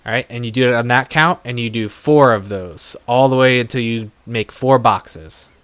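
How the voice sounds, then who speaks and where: A young adult man chatting casually and rambling on a live stream, talking warmly to his viewers. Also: medium pitch, normal speed, clean tone, no echo.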